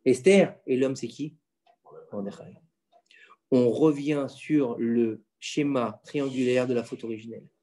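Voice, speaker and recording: A man explaining religious stories to his children in a casual home lesson, animated and quizzing them with questions. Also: mid-range voice, unhurried. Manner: insistent, keeps the floor. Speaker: father teaching his children.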